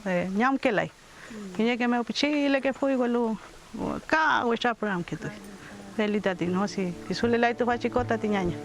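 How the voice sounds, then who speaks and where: An older community leader from southern Chile, giving a slow, reflective documentary testimony with pauses. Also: medium pitch, low-quality recording. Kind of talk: documentary testimony mixing Spanish and Mapudungun.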